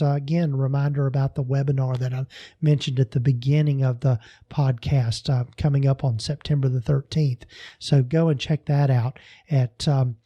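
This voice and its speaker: A male podcast host with a fairly high, warm voice, rambling through a casual sign-off full of restarts. The sound is dry and close, with faint music behind him. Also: dry recording, lo-fi sound. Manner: rambling, many fillers and restarts.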